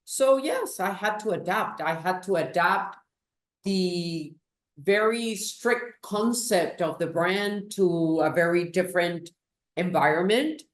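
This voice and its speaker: Slow-speaking Peruvian-born woman, echoey room. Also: lowish voice. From Peru. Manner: slow, thoughtful, emphatic. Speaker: guest, business executive. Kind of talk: interview.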